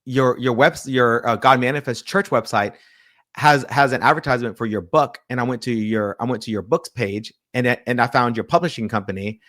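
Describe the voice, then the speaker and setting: A man's voice: mid-range voice, a little fast. Man telling a story animatedly. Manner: animated retelling with quoted dialogue and frequent restarts. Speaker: pastor and publisher, interview guest. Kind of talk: storytelling in a casual interview.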